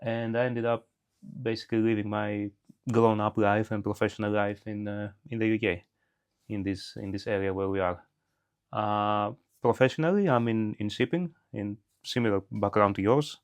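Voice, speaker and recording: Middle-aged guy from greece, lowish voice, thinks out loud, lots of restarts. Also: steady tone, normal speed, smooth. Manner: reflective, hesitant, frequent restarts. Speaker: guest. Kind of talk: unscripted podcast conversation.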